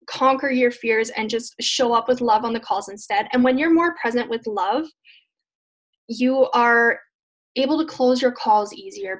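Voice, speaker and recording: Chatty earnest woman teaching a webinar. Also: a little high. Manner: chatty, earnest, loose and repetitive phrasing. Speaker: business coach presenting a webinar.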